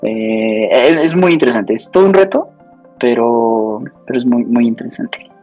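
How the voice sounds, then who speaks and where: A man's voice: mid-range voice, animated, moderate pace, a little mellow, rough recording. A man talking as an interview guest, hesitant and thoughtful, often closing his thoughts with a questioning tag. His mid-range voice carries over a faint bed of music. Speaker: cybersecurity analyst, guest. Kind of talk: casual conversational interview.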